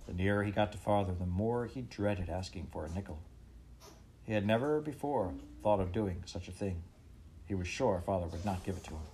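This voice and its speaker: A man reading a children's book aloud in a calm, even storytelling manner. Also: deep voice, a little fast, a little hiss or hum. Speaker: audiobook reader.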